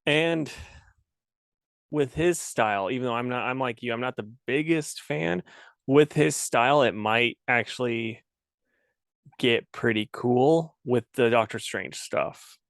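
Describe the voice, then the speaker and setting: Laughing, animated man co-hosting a podcast. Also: mid-range voice, measured pace, creaky, dry recording, studio quality. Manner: animated, laughs a lot, puts on joking voices. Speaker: podcast co-host. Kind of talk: casual chat.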